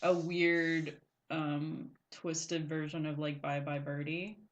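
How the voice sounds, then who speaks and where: A woman's voice: sits low, flat delivery, takes it slowly, lo-fi sound. Giggly woman recapping with fillers. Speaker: podcast co-host. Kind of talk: casual chat.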